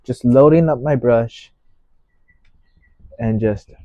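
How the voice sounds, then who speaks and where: A man talks through a painting demonstration in a gentle instructor's manner. His pace is very unhurried, with short, musing phrases and a medium pitch. The sound is dry and a little dull, with no room around the voice. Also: no room sound. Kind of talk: unscripted painting tutorial narration.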